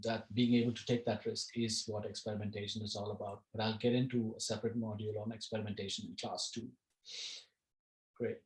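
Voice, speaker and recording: A man's voice: on the low side, flat delivery, fairly quick, a little mellow, roomy sound, low-quality recording. A man teaching an online class over a video call, talking casually and often restarting his phrases. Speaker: course instructor.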